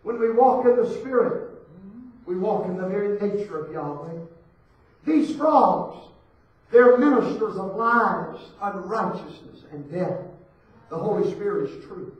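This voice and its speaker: A man preaching, his high voice rising and falling as he repeats his lines. He goes from near-whispers to full shouts. He stands well back from the mic, and the church hall echoes heavily around him. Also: lively intonation, unhurried, distant mic, highs cut off. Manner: swings from hushed to shouting, rhythmic repetition. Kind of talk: fiery church sermon. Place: church sanctuary.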